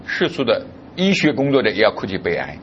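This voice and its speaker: A man's voice: lowish voice, sing-song, fairly quick, fairly bright tone, lo-fi sound, slight background noise. A male pastor preaching a sermon, who keeps putting rhetorical questions to his congregation.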